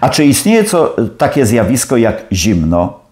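A man playing a calm, firm young student. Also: medium pitch, a little slow, roomy sound. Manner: firm, polite.

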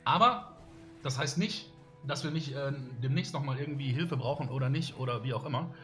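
This streamer host talks casually with his viewers, filling his rambling with ums and such, from a studio room with windows and faint background music. He's a man with a medium-pitched, slightly bright voice and a fairly quick pace.

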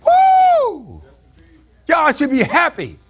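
A male pastor preaching a call-and-response sermon, shouting and slipping into a sing-song cadence. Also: extremely high pitch, sing-song, normal speed, noisy background.

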